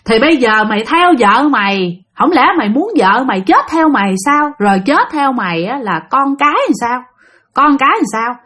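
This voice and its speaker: A woman's voice: a little high, very animated, moderate pace, fairly bright tone. A woman doing a stern old exorcist, Southern accent. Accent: Southern Vietnamese. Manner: scolding, insistent, raised voice. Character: stern older male exorcist master, scolding.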